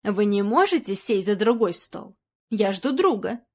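A woman's voice: mid-range voice, very animated, unhurried, darkish tone. A woman voicing a nervous aging film actress who startles easily and talks in a flustered, anxious way. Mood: alarmed.

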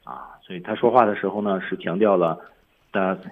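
A man's voice: sits low, fairly even intonation, brisk, phone-quality sound. A man teaching English on a radio lesson, explaining film lines step by step.

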